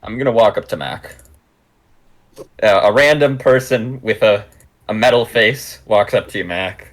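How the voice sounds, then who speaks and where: Man, lowish voice, tabletop game player, deliberate, matter-of-fact. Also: poor audio. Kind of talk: casual tabletop game narration.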